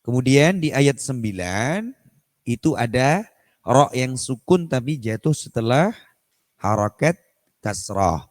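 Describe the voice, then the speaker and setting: A man teaching Quran recitation in an online class, speaking slowly, repeating each example to show how the sounds are pronounced, and slipping Javanese politeness words into his explanations. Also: medium pitch, big pitch swings, no room sound, studio quality. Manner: slow, repeats examples to demonstrate pronunciation. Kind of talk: tajwid lesson with chanted recitation. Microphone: online session microphone.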